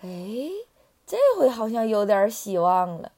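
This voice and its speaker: A woman voicing a group of small, eager tadpoles calling out in a high, plaintive way. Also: a little slow, darkish tone, close to an everyday voice. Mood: musing.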